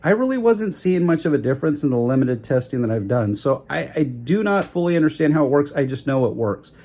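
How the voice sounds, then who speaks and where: A man's voice: fairly high pitch, very animated, fairly quick, mellow. A man giving a casual, plain-spoken camera review, correcting himself as he goes, recorded on a phone's built-in mic. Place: outdoors at a busy roadside eatery. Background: traffic and chatter.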